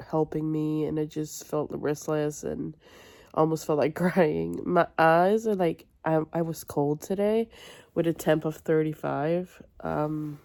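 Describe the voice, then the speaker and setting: A woman's voice: low voice, steady tone, slow, creaky, darkish tone, no room sound. A woman chatting casually in a vlog, sounding weary, groggy and stuffed up with a cold. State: sick with a cold and stuffy nose. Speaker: book vlogger.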